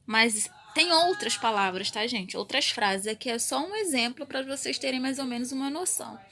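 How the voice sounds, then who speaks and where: A woman teacher with a high, bright voice walks young pupils through a recorded grammar lesson. She explains each point step by step and keeps checking in with them as she goes. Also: expressive, moderate pace, slight background noise. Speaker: primary school teacher.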